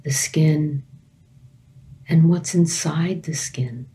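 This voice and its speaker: A woman meditation teacher leading a guided meditation calmly and gently, in short phrases with long pauses. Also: low-pitched.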